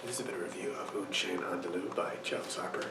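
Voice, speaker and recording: Hushed, whispering low-voiced man in echoey room. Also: steady tone, fast, vocal fry. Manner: hushed library-like whispering, keeping quiet for people asleep. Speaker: reviewer. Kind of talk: scripted film review. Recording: echoey, distant mic, noisy with rumble.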